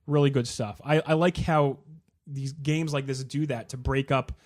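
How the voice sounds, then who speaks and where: A man co-hosting a gaming podcast, chatting casually and rambling, acting out game characters in quick asides. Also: mid-range voice, steady tone, a little mellow. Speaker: podcast co-host. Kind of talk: casual chat.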